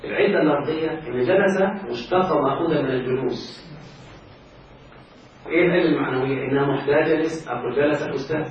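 A man's voice: a little high, quick pace, long pauses. A man with an Egyptian accent teaching Arabic grammar in a classroom, constantly quizzing his students on whether they follow. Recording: very echoey room, mic far off, dull sound, faint hiss.

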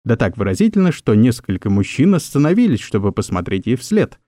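Guy narrating an audiobook, expressive, bouncy intonation, dead dry sound. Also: medium pitch, fairly quick, no room sound. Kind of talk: scripted narration.

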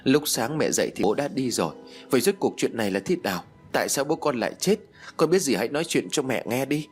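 A man's voice: mid-range voice, lively intonation, fast talker, soft background music, lightly acted. A man voicing a grieving young mother who is tearful and anxious, speaking in a pleading, emotional way. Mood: anguished.

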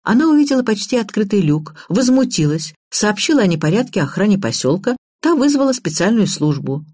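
A woman narrating a first-person audiobook in an even, matter-of-fact way. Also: mid-range voice, a little fast, husky, no room sound, studio quality.

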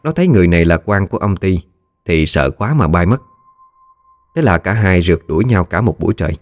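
A man narrating a ghost story in a lively, colloquial way. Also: low-pitched, a little fast, no room sound.

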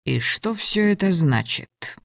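Stern dragon lord, cold and clipped, read by a woman lowering her voice, dry studio tone. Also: lively intonation, slow, creaky, dry recording, heavily acted. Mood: cold, angry. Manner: icy, clipped commands.

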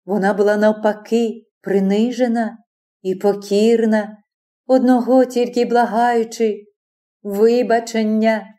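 Woman reading a novel in a mellow voice. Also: fairly high pitch. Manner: measured, expressive reading. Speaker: audiobook reader. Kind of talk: literary audiobook narration.

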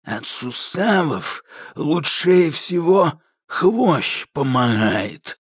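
A man voicing a smug, immortal old sorcerer with a creaky voice in an audiobook. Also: a little high, big pitch swings, very slow, dry recording, clean studio sound, voice pushed up, exaggerated voice. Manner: scornful, superior, drawling. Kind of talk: audiobook character voice.

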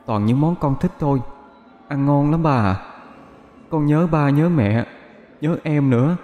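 A homesick ghost boy, as a male narrator puts him on, asks his father for favorite foods in a raised, gentle, childlike voice. He sounds soft and pleading. Faint music sits under the spoken horror tale. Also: fairly high pitch, measured pace, roomy sound, in a large hall, dull audio, pitched above the performer's own voice, lightly acted. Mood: longing. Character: dead young son's ghost, wistful, homesick.

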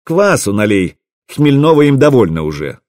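A man's voice: medium pitch, sing-song, moderate pace, darkish tone, no room sound, clean studio sound, close to an everyday voice. Man voicing a blustering angry boyar. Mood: commanding. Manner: commanding, blustering. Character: gruff proud middle-aged male boyar commander, quick-tempered. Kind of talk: audiobook character reading.

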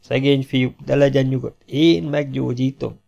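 A man's voice: mid-range voice, steady tone, gravelly, darkish tone, dull audio, soft background music, close to an everyday voice. A man voicing a pompous, condescending young asylum doctor with a patronizing, self-satisfied manner.

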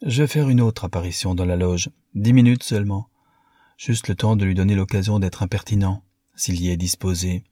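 A man's voice: deep voice, fairly even intonation, moderate pace, dark tone, no room sound, studio quality. A man reading an audiobook, voicing a proud, haughty young French aristocrat. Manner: haughty, disdainful.

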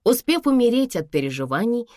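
Woman storyteller, animated and lively delivery, dry close mic. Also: a little high, fairly quick, no echo. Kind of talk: first-person story narration.

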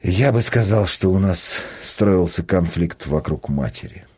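A man's voice: low-pitched, animated, measured pace, warm tone, breathy edge, full character voice. A man reading a novel aloud, voicing a guarded older father who mutters his replies. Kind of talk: audiobook character voice.

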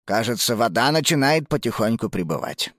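A puzzled old grandfather who mutters and grumbles in a low voice, as a woman reading a children's book puts him on. His pitch swings widely from word to word, and the sound is close and dry. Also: very animated, brisk, no room sound, heavily acted. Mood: grumbling. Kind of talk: audiobook narration.

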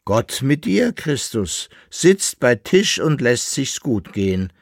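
Here is a brash, impudent servant who scolds his master in a high, shrill, cheeky voice, loud and pushy in every phrase, as a male reader puts him on. It sits close and dry, at a slow, dragging pace. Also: big pitch swings, gravelly, no echo, heavily acted. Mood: mocking.

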